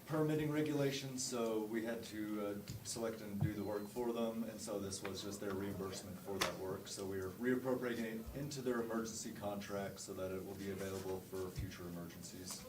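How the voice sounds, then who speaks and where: A man's voice: fairly low pitch, steady tone. A man, a city budget official, explaining budget items formally at a public meeting with frequent hesitations. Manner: measured, frequent uh fillers, formal. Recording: roomy council chamber, distant mic, background noise.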